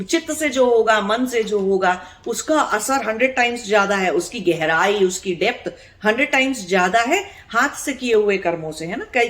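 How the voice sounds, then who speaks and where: A woman's voice: a little high, a bit bright. Earnest woman giving a spiritual talk. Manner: explanatory, asks rhetorical questions and checks in with the listener; earnest, repeats words for emphasis. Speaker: spiritual teacher. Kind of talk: spiritual discourse.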